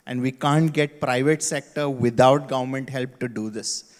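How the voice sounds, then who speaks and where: A man's voice: medium pitch, fairly even intonation, normal speed. A man on a conference panel sharing views thoughtfully, often restarting his sentences. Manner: thoughtful, hesitant starts. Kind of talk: panel discussion. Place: conference hall. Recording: long reverb of a hall.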